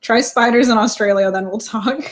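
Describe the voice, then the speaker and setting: A woman's voice: on the high side, steady tone, a little fast. A young woman hosting a casual live stream, reading viewer questions and answering in a plain-spoken way, often laughing.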